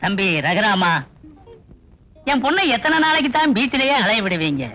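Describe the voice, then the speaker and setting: A man's voice: high voice, big pitch swings, normal speed, pushed and bright, exaggerated voice. A joking film father. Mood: wry. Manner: teasing, wry, fatherly. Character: joking older father, witty and easygoing. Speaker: father of the heroine. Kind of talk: 1980s film dialogue. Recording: film soundtrack with music underneath.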